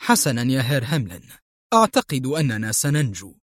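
A man voicing a calm, confident male hero in an audio story, speaking with cool irony. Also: medium pitch, a little fast, no room sound, studio quality.

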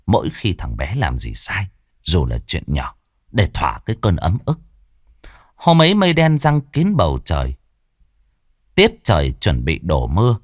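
A male storyteller narrates a ghost tale with dramatic flair. His pitch swings widely from line to line. The recording is close and dry. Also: dry recording. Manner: dramatic, highly expressive.

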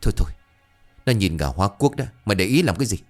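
A man voicing a gruff, domineering old father who is a moneylender, snapping and scolding. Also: on the low side, big pitch swings, fast, faint music behind.

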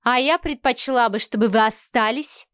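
Scornful middle-aged mother, cold and cutting, read by a woman narrator; slightly high voice, dry close sound. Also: fairly bright tone, dry recording, lightly acted. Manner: sarcastic, slow and cutting. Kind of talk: audiobook character reading.

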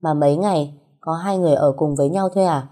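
A woman voicing a sharp-tongued young wife who teases and scolds her husband out of jealousy. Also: deep voice, fast. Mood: teasing. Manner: teasing, scolding.

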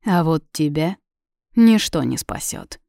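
Storybook king: a woman reading a stern, commanding young ruler, low and warm. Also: takes it slowly, gravelly, dry recording, clean studio sound, full character voice. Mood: calm. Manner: calm and commanding.

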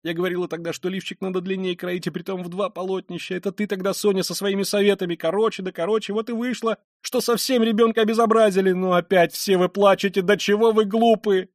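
A man reading an audiobook voices a feverish, consumptive noblewoman who is proud and hysterical, with a shrill and frantic manner. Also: monotone, fast, few pauses, no room sound, studio quality, close to an everyday voice. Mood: scolding.

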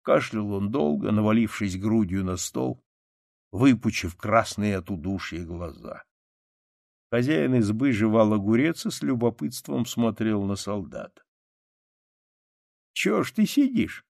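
A man narrating a literary short story in a calm, measured audiobook reading. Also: on the low side, gravelly, dry recording, studio quality.

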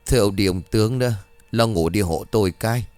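A man voicing a worried middle-aged father who talks in a low, brusque, gruff way. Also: brisk, a little mellow, no echo, soft background music, close to an everyday voice.

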